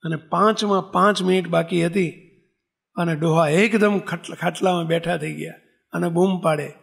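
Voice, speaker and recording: Man, devotional storytelling sermon, asks the listeners questions, gravelly high voice. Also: fairly even intonation, normal speed, fairly bright tone. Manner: storytelling, voicing characters, asking the listeners questions. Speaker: spiritual leader telling a sacred story. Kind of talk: Gujarati devotional katha discourse.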